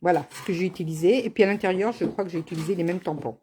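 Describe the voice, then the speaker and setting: A woman's voice: lowish voice, very fast, warm tone, a little hiss or hum. A woman running a live card-making tutorial as a craft demonstrator, chatty and teasing, speaking to viewers by name. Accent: has an accent, not named.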